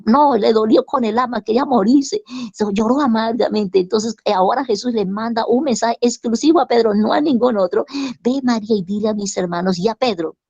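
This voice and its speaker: Gravelly-voiced woman teaching the Bible. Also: a little high, darkish tone, no room sound. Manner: storytelling with rhetorical questions. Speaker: Bible teacher answering a question. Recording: dull lo-fi recording.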